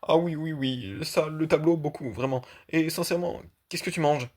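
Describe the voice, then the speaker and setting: A man voicing a self-satisfied middle-aged art collector in an audiobook reading of a play, talking in a lively, teasing way. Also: on the high side, moderate pace, pitched above the performer's own voice, close to an everyday voice.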